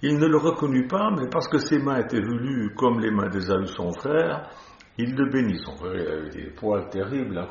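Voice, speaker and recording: A man's voice: fairly low pitch, a little hiss or hum. A man preaching a sermon, reading scripture aloud and breaking off for chatty, playful asides. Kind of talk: sermon, Bible reading with commentary. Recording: echoey, slightly dull recording.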